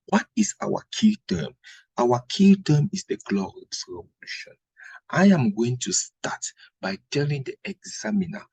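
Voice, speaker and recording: A history teacher coaches exam candidates through an instructional lecture, speaking deliberately and didactically while checking in with "right?" and rhetorical questions. His husky, lively voice sits at medium pitch. The recording is dry and of poor quality.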